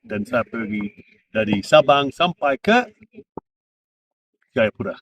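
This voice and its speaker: A middle-aged man, an English speaker, speaks Indonesian as a foreigner in a casual interview, halting as he searches for words. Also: medium pitch, expressive, dull audio. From Australia. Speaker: interview guest, former diplomat and interpreter. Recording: distant mic amid clear crowd chatter.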